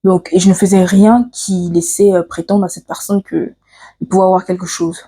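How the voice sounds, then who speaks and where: A woman with an African French accent telling a personal story to camera, earnest and confiding, pausing often on fillers and restarts. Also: fairly low pitch, level tone, mellow. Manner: hesitant, frequent "euh" fillers and restarts. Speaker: vlogger.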